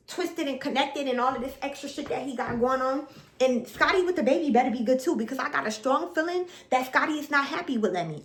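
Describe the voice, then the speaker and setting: A woman's voice: high voice, reverberant. A young woman, ranting bluntly and profanely as she reacts to a reality TV show. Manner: blunt, profane, exasperated, repeats herself. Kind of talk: casual ranting commentary.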